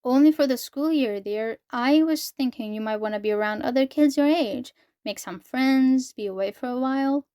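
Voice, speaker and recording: A woman's voice: high voice, normal speed, mellow, no room sound, studio quality, natural voice. A woman reading a syrupy, doting mother. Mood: sugary. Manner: syrupy, generic endearments. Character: overly sweet, affectionate adult mother.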